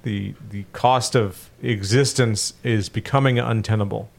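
A man's voice: fairly low pitch, steady tone, measured pace, gravelly. Candid, self-deprecating man chatting on a podcast. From United States. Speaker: podcast co-host. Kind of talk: casual chat.

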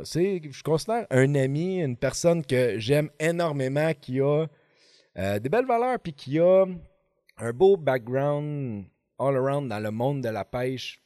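A man's voice: medium pitch, darkish tone, clear, resonant tone, no room sound, studio quality. A man hosting a casual podcast, rambling and playful, with lots of hesitations. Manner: rambling, hesitant, many fillers and restarts, playful. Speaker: podcast host. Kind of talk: casual chat. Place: podcast studio in an office.

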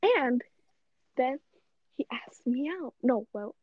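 Teen girl gossiping, kinda high voice, dry muffled lo-fi sound. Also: lively intonation, slow pace, no room sound. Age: teens. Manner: chatty, dramatic storytelling with acted quotes. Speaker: storyteller. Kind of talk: casual chat.

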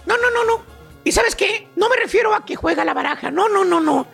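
A man voicing a squeaky male joke professor on a radio comedy segment, with a Mexican accent and a rambling, slangy lecturing manner full of "güey". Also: lively intonation, a little fast, gravelly, fairly bright tone, faint music behind, exaggerated voice. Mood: joking. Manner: rambling, slangy, keeps saying "güey" and "fíjate nada más".

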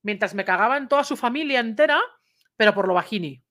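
A woman talks through a video of dogs in a relaxed, chatty tone. She explains each moment step by step and keeps checking in with her listener. Now and then she raises her voice for emphasis. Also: on the high side, fast. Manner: imitates bite sounds and raises voice for emphasis. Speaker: dog trainer commenting on a video. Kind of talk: casual video commentary.

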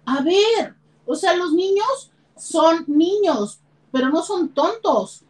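High-voiced animated Mexican woman host. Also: takes it slowly. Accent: Mexican Spanish. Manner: animated, slips into acted quotes with jumps in pitch. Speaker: host and relationship counselor. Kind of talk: casual advice talk to camera.

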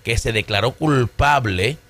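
A man hosting a podcast, giving animated political commentary and switching between Spanish and English. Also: mid-range voice, normal speed. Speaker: podcast host.

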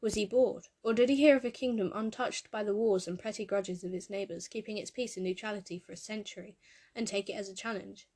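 Woman reading a story aloud. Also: mid-range voice. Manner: measured, expressive storytelling. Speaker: narrator. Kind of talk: fan fiction reading.

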